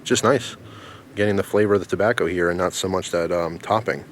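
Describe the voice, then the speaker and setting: A man giving a casual product review in a rambling, halting way, recorded outdoors. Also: low-pitched, slight background noise. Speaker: pipe tobacco reviewer. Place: outdoors in the snow in winter.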